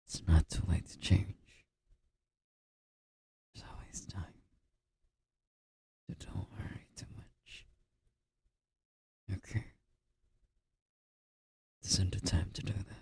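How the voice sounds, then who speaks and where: Husky low man, whispered boyfriend role-play. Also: steady tone, no room sound. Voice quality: husky, gravelly. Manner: soft, breathy, intimate murmur drifting into whisper; slow, gently reassuring boyfriend-style comforting. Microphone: close microphone.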